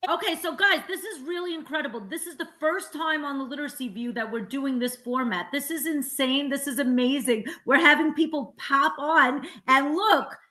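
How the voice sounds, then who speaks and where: A woman co-hosting a podcast informally, with an excitable, effusive way of talking. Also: high-pitched, moderate pace, few pauses. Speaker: podcast co-host.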